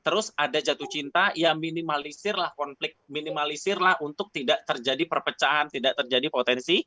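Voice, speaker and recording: A man's voice: fairly high pitch, brisk, sharp tone, dry recording. A man heard over an online call line, a guest expert explaining things in a chatty, casual way. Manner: chatty, often ends phrases with a casual tag. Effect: heard over an online call line that drops out. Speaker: guest expert answering questions. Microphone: remote call mic. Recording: dull, dry call audio.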